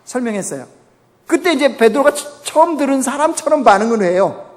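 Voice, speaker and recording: A man's voice: very high voice, expressive, a little fast. A male pastor preaching a sermon in a church, constantly firing rhetorical questions at the congregation. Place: church sanctuary. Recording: long reverb of a church hall.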